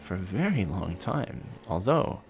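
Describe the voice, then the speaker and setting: A man rambling softly and sleepily, musing gently and without hurry in short phrases as he hosts. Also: low voice, sing-song, a little slow, gravelly. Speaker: host of a relaxed rambling show. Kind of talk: soft sleepy rambling, narrating a town-building game.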